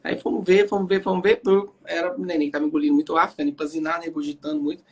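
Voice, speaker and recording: A man with a Brazilian Portuguese accent, a pediatrician talking as a guest from his home on a video call. He tells lively stories and acts out what the mothers say. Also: fairly high pitch, very fast, husky. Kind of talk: casual live chat.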